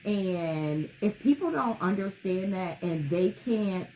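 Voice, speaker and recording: A woman's voice: medium pitch, animated, takes it slowly, warm tone. A woman co-hosts a casual podcast conversation, speaking candidly and with emphasis. Her audio is a little dull and lo-fi, with a faint noise underneath. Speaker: podcast co-host.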